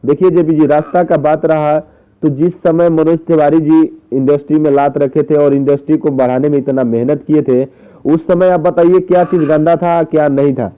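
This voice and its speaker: A man with a slightly high, steady, clean voice talks at a normal speed, pressing someone with questions and repeating himself during a recorded phone interview. The phone-call audio sounds muffled and dull.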